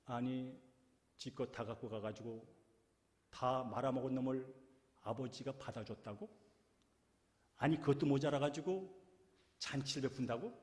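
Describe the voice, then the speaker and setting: A man's voice: medium pitch, fairly even intonation, brisk, long pauses, in a large hall, natural voice. A man voicing a resentful, hardworking elder son who is jealous of his brother, in an indignant, accusing manner. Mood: angry. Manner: indignant, accusing, rising to shouts.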